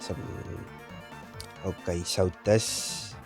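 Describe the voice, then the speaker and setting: A man giving casual let's play commentary, explaining things in a relaxed, rambling way. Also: sits low, drawn-out words. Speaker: gaming channel host. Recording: game music playing loudly. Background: game music.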